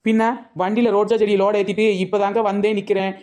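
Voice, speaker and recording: A woman plays a brash street seller in a village comedy skit. She talks fast and boldly, with quick comebacks. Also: mid-range voice, level tone, darkish tone. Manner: quick, bold village talk. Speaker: rose plant seller.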